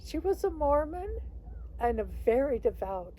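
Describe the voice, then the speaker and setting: A sweet old lady shares memories in a casual, rambling and folksy way. Her voice is very soft-edged and dark, and she takes her time as she talks. There is slight noise behind her in what sounds like a simple home recording. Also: high-pitched, sing-song, unhurried, poor audio. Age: older. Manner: chuckles often while talking. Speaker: grandmother telling family stories. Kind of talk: casual reminiscence.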